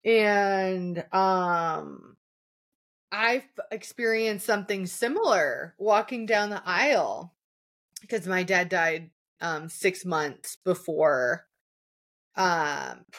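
A woman's voice: fairly low pitch, expressive, slow, fairly bright tone. A woman hosting a podcast, reflective and emotional, talking through a personal story with many fillers. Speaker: podcast host. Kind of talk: conversational interview.

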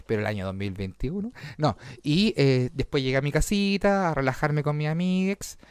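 A Chilean comedian and podcast host telling stories in a casual, swearing, laugh-filled chat. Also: male voice, a little high, normal speed, clear, resonant tone, dry recording, clean studio sound. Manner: swearing, animated, laughs often.

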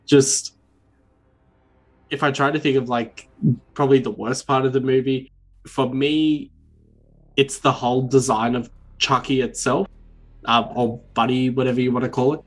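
A man chatting as a podcast co-host, rambling from one thought to the next with casual swearing. He acts out the people he quotes. His voice sits in an ordinary middle pitch. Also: little pitch movement, normal speed, pauses often. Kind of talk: casual chat.

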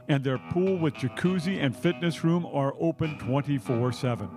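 A man reading a scripted radio commercial as an announcer. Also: a little high.

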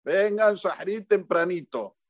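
A man's voice: sits high, slow pace, no room sound. A man with an Argentine Spanish accent giving an informal Torah talk as a rabbi in a synagogue, joking, quizzing the congregation and repeating points for emphasis. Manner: lively, jokey, questions the audience, repeats for emphasis.

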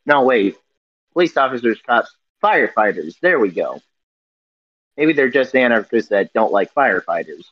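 A man co-hosting a casual podcast over a video call, reading out news headlines in a halting way full of fillers and self-corrections while his audio breaks up. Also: medium pitch, sing-song, dry recording. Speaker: podcast co-host. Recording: dull, muffled call audio.

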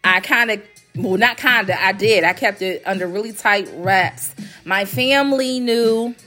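A woman who owns a graphic design company hosts a casual solo podcast, sounding congested as she recovers from illness. Her mid-range voice is unhurried, pushed and bright, chatty and emphatic, and she repeats phrases for stress. Faint music plays behind her.

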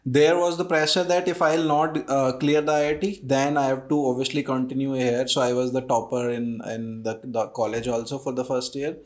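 Halting man with a North Indian accent. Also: medium pitch, level tone. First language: Hindi. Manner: halting, filler-heavy, frequent "you know" and "right?". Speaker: interview guest, startup co-founder. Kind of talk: casual interview answers.

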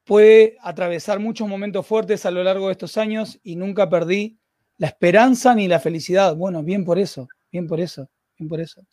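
A man's voice: high-pitched, steady tone, normal speed, a little mellow, no echo, studio quality. A man with a Rioplatense Spanish accent hosting a live interview, chatting and reading out viewer comments. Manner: conversational, reads viewer comments. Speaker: host.

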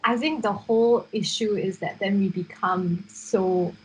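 A woman's voice: medium pitch, a little slow, darkish tone, slightly rough, low-quality recording. A young woman studying psychotherapy, co-hosting a podcast and talking earnestly with many fillers. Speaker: podcast co-host, psychotherapy student. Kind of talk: casual chat.

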